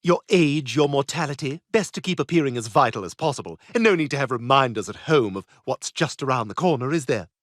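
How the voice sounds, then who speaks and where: A man's voice: medium pitch, lively intonation, fairly quick, few pauses, a bit bright, no echo, studio quality, close to an everyday voice. An actor voicing a snobbish, catty British baby boy in a cartoon, talking in a posh, cutting, theatrical way. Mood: probing. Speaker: patient. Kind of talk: cartoon voice acting.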